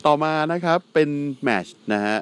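A man's voice: a little high, lively intonation, normal speed, clear, resonant tone. A man co-hosting a casual wrestling chat, speaking in a blunt, slangy and profane way. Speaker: podcast co-host.

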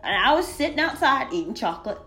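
A woman vlogging casually into her phone, telling a story with lots of laughter and squealy high voices for the people she quotes. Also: big pitch swings, fast, bright, forceful tone, soft background music.

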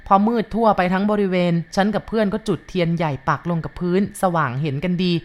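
Low-voiced woman reading a ghost story. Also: quick pace.

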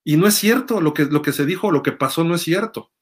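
A man's voice: a little high, expressive, fairly quick. A middle-aged man with a Mexican accent, hosting a sports show and telling a story in a casual, chatty way with lots of fillers. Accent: Mexican Spanish. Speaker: sports journalist host. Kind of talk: casual commentary monologue.

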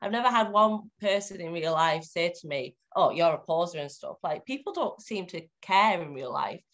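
A woman's voice: fairly low pitch, lively intonation, normal speed. A woman in her twenties with a Cumbrian accent, chatting casually and informally as an interview guest. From Cumbria, northwest England. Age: 20s. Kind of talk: casual chat.

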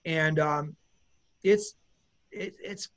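A man, a bass player in an eighties rock band, chatting casually in an interview, rambling and searching for words with lots of restarts, enthusiastic about his music. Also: very slow, fairly bright tone.

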